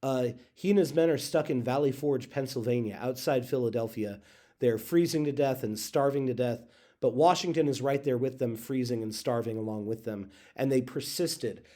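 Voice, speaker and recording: A man teaching a history lesson in a casual, halting way, with many fillers and self-corrections. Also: mid-range voice, mellow. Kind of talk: recorded classroom lecture.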